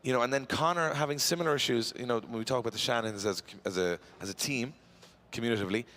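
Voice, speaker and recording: A man's voice: mid-range voice, fast, a bit bright. A man giving live drift commentary, chatty and bantering with his co-host.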